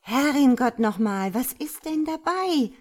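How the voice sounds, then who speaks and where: A woman's voice: medium pitch, sing-song, a little slow. A woman reading a storybook aloud and voicing a cheeky, defiant female angel with a brash, slangy way of talking. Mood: wheedling.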